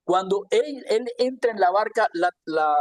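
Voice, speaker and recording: In a conversational, sermon-like style, a man teaches a Bible lesson and often puts questions to his listeners. His voice sits high and is animated but a little slow, in a dry recording.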